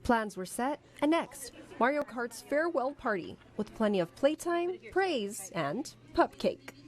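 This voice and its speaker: Lively woman narrating a news feature. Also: high voice, unhurried. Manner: lively, expressive storytelling delivery. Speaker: TV news reporter. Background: background music.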